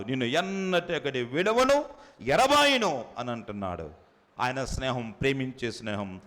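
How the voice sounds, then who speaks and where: A male pastor preaching a sermon emphatically, repeating phrases and swinging between loud high bursts and soft low drops. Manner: emphatic preaching with sudden rises and drops in pitch and loudness. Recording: long hall reverb.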